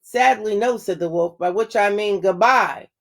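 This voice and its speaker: A woman's voice: mid-range voice, creaky, lightly acted. A woman voicing a sly, hungry male wolf who talks with false politeness in a storybook read-aloud. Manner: silky, falsely polite, slowing to a menacing hush.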